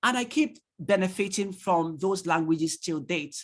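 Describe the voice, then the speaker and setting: In an online lecture for parents, a male tutor with a Nigerian accent uses a high, unhurried voice through his computer mic. He is lively, fires off rhetorical questions one after another, and laughs easily at the chat.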